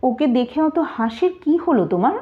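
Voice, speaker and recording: A woman's voice: high-pitched, big pitch swings, moderate pace, pitched above the performer's own voice. A woman voicing a carefree, doting young male nawab heir, in an easy, lightly questioning tone. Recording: tinny phone-like audio.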